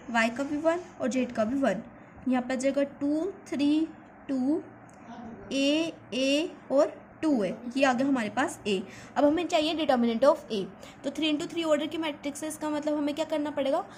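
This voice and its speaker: A woman with a high, light voice walks students through a maths lesson step by step. She explains patiently and keeps checking in with them as she goes. A faint hiss sits under the recording. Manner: explains patiently, often checks in with "theek hai". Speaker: maths teacher.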